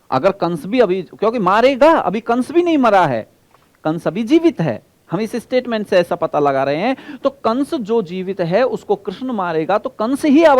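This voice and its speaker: This male instructor preps students for an exam by repeating himself, quizzing the class, and lingering slowly on important terms. He speaks in a high register, and there's no audible room ambience.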